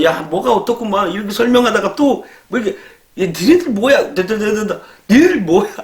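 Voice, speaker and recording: A man lecturer telling a casual story, acting out scolding students with quick laughs. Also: on the high side, reverberant. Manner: animated, acts out exasperated scolding of students with laughs. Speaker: education lecturer.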